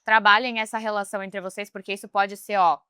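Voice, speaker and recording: A woman co-hosting a podcast in casual chat, telling stories with animated expression. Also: medium pitch, fast talker, smooth, no room sound, clean studio sound. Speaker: podcast co-host.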